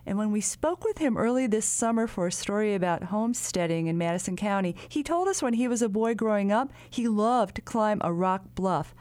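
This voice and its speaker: A woman reads scripted narration as a radio reporter. Her voice sits at a medium pitch, and the recording is close and dry, with very little room sound. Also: animated, brisk, few pauses, darkish tone, dry recording.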